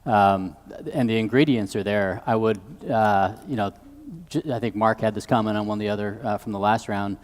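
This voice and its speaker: A low male voice rings with long hall reverb. He judges off the cuff, giving direct and emphatic advice. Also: fairly even intonation, moderate pace. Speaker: competition judge. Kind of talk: off-the-cuff panel critique.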